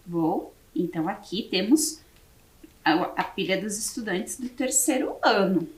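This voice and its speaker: A Brazilian woman teacher with a Brazilian Portuguese accent, leading a word game for young children on a TV lesson and slowly spelling each word letter by letter. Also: mid-range voice, roomy sound, recorded from a distance. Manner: slow, spelling words letter by letter. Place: classroom studio for educational TV.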